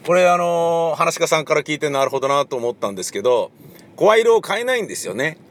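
A man's voice: a little high, expressive, quick pace. A man giving a casual solo monologue about writing his play, rambling with many fillers and now and then acting out the voices of the people he quotes. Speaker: playwright and director.

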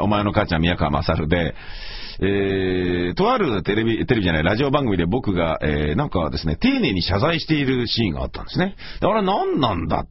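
A middle-aged man with a hoarse, gravelly voice, rambling casually and self-deprecatingly as he hosts a solo radio talk. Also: sits low. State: morning hoarseness after heavy talking. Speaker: radio show host and voice performer. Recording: slightly dull, lo-fi audio.

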